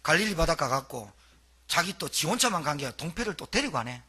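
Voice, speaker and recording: A male pastor preaching a dramatic, colloquial sermon, throwing out rhetorical questions. His husky voice sits high and swings widely, very forceful one moment and dropping low the next. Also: sing-song, fast.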